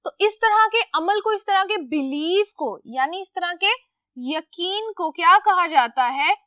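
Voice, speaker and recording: A woman's voice: very high-pitched, animated, a little slow, no echo, dull audio. A woman teacher, explaining a lesson to children patiently, asking questions and answering them herself. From Pakistan.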